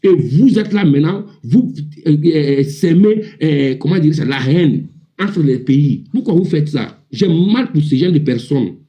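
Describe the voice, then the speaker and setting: In a heated live political debate that stays informal, a panelist with an Ivorian accent makes his case indignantly and emphatically, frequently repeating himself. He's from Ivory Coast, and his slightly high, animated voice has a dark tone and moves a little slowly.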